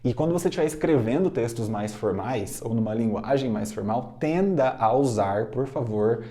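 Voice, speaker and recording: A man's voice: medium pitch, expressive, moderate pace, warm tone. A Brazilian man teaching English in a recorded lesson, explaining patiently and having students repeat phrases after him. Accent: Brazilian Portuguese. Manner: clears throat now and then.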